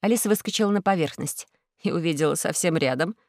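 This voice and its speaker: A woman narrating a children's audiobook in a steady, clear storytelling voice. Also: on the low side, quick pace, dry recording, clean studio sound.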